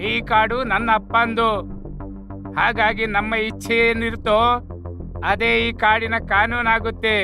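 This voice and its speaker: A man's voice: very high voice, monotone, measured pace, long pauses. A man voicing an arrogant male lion bully in a cartoon, speaking in a sneering, threatening way. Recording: music under the voice.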